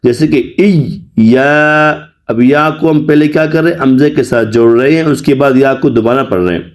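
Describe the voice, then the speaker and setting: A man teaching the rules of Quran recitation in a Pakistani Urdu accent, explaining plainly and reciting examples slowly. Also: mid-range voice, a little mellow. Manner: clears his throat now and then.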